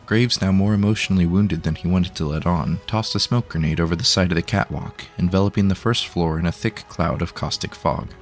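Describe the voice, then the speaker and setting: A man calmly reading a story aloud with a dry, wry delivery. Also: deep voice, fairly quick, hardly any pauses, faint music behind. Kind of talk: calm storybook narration.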